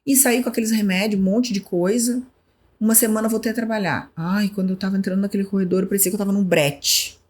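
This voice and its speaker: A woman, a former health official, telling animated stories in a podcast interview and acting out remembered conversations. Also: medium pitch, quick pace. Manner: animated storyteller who acts out remembered dialogue. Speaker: guest, former municipal health secretary.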